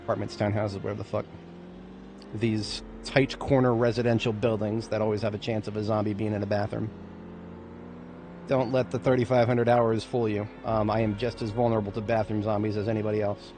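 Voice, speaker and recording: A man's voice: lowish voice, level tone, brisk, background noise. A man giving casual, rambling commentary on a game as a streamer, with playful, self-mocking remarks. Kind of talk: casual let's-play commentary.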